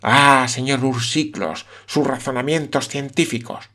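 A man's voice: medium pitch, fairly even intonation, a little slow, sharp tone, pitched above the performer's own voice. A man voicing a romantic, indignant young Scottish lady in an audiobook, raising his voice for her.

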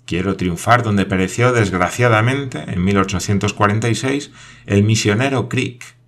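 A man reading aloud, voicing an excitable, absent-minded French geographer who declaims rapidly and with enthusiasm. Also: lowish voice, natural voice. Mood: enthusiastic.

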